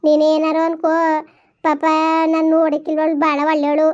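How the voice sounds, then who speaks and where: Woman doing a soothing village aunty, very high voice, kinda dull lo-fi sound. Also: monotone, brisk, darkish tone, lightly acted. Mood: consoling. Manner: soothing, advising. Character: consoling village aunty Kamala, middle-aged woman. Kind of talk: village comedy skit.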